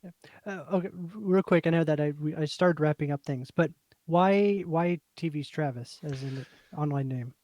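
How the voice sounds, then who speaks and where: A man's voice: a little high, moderate pace, darkish tone, dry recording. A man hosting a podcast, easygoing and a bit hesitant as he steers the chat. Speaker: podcast host. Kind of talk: casual chat.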